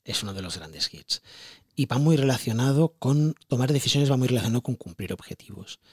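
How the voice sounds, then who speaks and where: A man with a Spain Spanish accent explains his ideas as an interview guest, chatty and animated. His voice is a bit husky, and he talks at a quick clip. The sound is dry and close. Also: medium pitch, no room sound. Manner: animated, chatty, asks rhetorical questions. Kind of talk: casual explanatory interview talk.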